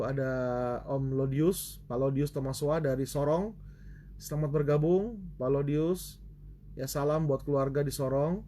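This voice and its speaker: A man's voice: medium pitch, dark tone. A man preaching a sermon online, telling a personal story with feeling and often calling out to his brothers and sisters. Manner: emotional storytelling, addresses listeners as brothers and sisters. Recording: faint background noise.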